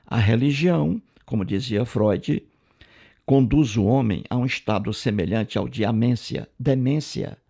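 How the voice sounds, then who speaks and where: A man's voice: medium pitch, vocal fry, dark tone. A man from Brazil with a Brazilian Portuguese accent, commenting on viewer messages in a repetitive, emphatic lecturing way. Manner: repetitive, emphatic, lecturing, heavy use of fillers. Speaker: video commentator.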